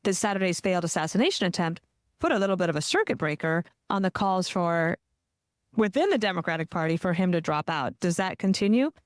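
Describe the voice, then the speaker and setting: Smooth-voiced podcast host, direct. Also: medium pitch, lively intonation, fairly quick, no echo, studio quality. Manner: direct, opinionated questions. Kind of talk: podcast interview.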